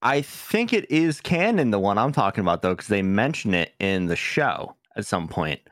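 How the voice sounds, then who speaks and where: A man's voice: on the low side, big pitch swings, normal speed, fairly bright tone, no room sound, clean studio sound. A man co-hosting a casual podcast, talking like a slangy, sweary fan. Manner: slangy, profane, filler-heavy fan talk. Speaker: podcast co-host.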